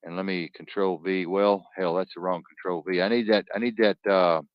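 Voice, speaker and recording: A man's voice: low-pitched, fairly even intonation, normal speed, no room sound, highs cut off. A man hosting an online talk stream, tired, rambling and profane, barking orders at his producer.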